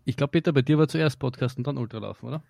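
An Austrian man of middling pitch who talks at a brisk clip. He is wry and casual, a podcast guest joking as he tells his stories. The sound is dry, with hardly any room on it. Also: vocal fry, darkish tone, dry recording, muffled recording. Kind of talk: casual chat.

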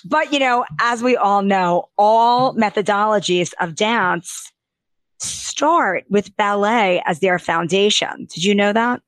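A woman's voice: mid-range voice, slow, dry recording. A woman hosting a beauty podcast, chatting in an effusive, rambling way with lots of fillers. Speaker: podcast host and beauty editor.

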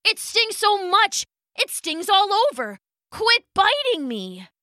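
A big, shaggy male lion from a children's story, acted out by a woman narrator, loud and theatrical, with a voice that swings widely as he scoffs and complains. The sound is close and dry. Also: high voice, big pitch swings, slow, no room sound, exaggerated voice. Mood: yowling. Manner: mocking laughter, pained yowling.

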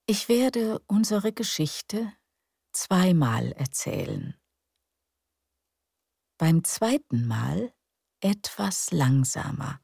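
A woman narrating sleep stories for adults in a hushed, calm, soothing, breathy and creaky voice, often close to a whisper. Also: sits low, no echo. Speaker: sleep story narrator and podcast host. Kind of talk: soothing scripted bedtime story narration.

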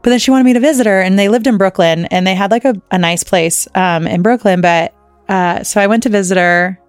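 A woman's voice: medium pitch, a little fast, smooth, dry recording, faint music behind. A woman co-hosting a podcast, telling stories in casual chat with lots of "like" and free swearing. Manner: chatty storyteller, swears freely, lots of "like". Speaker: podcast co-host.

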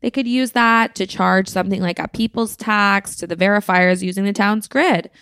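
A woman's voice: mid-range voice, steady tone, normal speed, fairly bright tone, smooth. A woman hosting a podcast, giving scripted comedic commentary on the news in a wry, playful way with sarcastic asides. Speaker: podcast host.

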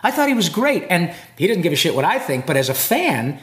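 On a convention floor, a guest voice actor chats casually in an interview, his high voice moving briskly. He's an animated, rambling storyteller, spinning long tales full of fillers and restarts.

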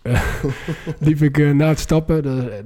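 A man's voice: on the high side, a little slow. A man, co-hosting a casual podcast and telling a story with stumbling restarts. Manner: animated anecdote teller with stumbling restarts. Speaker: podcast co-host. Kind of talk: casual chat.

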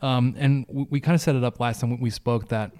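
A man from Texas with a gentle giant voice, hosting a sports podcast in a loose, informal, conversational way. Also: medium pitch, fairly even intonation, brisk. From Texas, United States. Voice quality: gentle giant voice, soft and big. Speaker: podcast host. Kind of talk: casual sports podcast chat.

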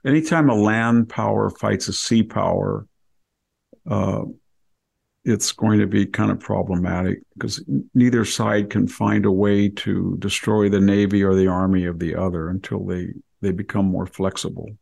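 A man with a very gravelly, husky voice talks as a history scholar would in conversation. He is erudite and emphatic, wandering into asides as he explains. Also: fairly low pitch, fairly even intonation, normal speed, a little mellow. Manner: erudite, emphatic, digressive, acts out imagined dialogue. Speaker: historian guest.

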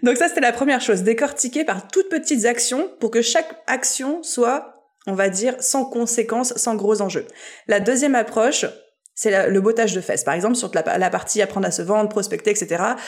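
A woman's voice: a little high, normal speed. A woman guest, a business coach, explaining her ideas fluently in a casual interview.

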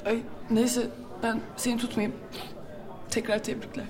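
An actress playing a catty coworker who speaks softly and snidely. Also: female voice, on the high side, level tone, a little slow, lightly acted. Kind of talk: audio drama acting.

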